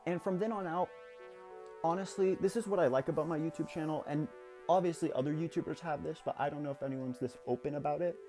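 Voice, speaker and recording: A young man in his late teens speaks in a personal, confessional vlog. His voice sits a little high for a man, and he wanders through his thoughts with restarts. Faint music plays quietly underneath. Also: fast. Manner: candid, confessional, rambling with restarts. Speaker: YouTuber.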